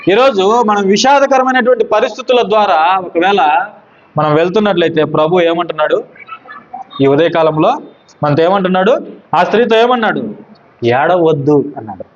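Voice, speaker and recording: A man preaches a sermon in a high voice, recorded with a dull, lo-fi sound. He asks his listeners questions and answers them himself. He drops low and slow when he quotes scripture.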